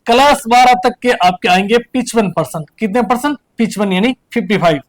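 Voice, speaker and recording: A man's voice: very high voice, normal speed. A young man from India, giving an earnest exam coaching lecture as a teacher, repeating points and asking rhetorical questions.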